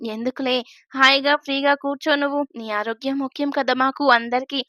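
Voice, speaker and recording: A woman's voice: high voice, fairly even intonation, fairly quick, pushed and bright, dry recording, clean studio sound. Woman voicing a teasing young man in love.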